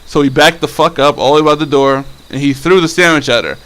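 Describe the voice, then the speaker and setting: A man's voice: fairly high pitch, quick pace, a bit bright. A young man casually telling a story on his vlog, rambling and swearing, with many restarts. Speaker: vlogger.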